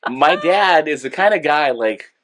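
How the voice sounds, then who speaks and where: A man spins childhood pet stories on a casual podcast, his pitch swinging widely as he acts out what people said. He breaks into laughter often and keeps the chat loose and playful. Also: expressive, a little slow, fairly bright tone. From California. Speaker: podcast co-host.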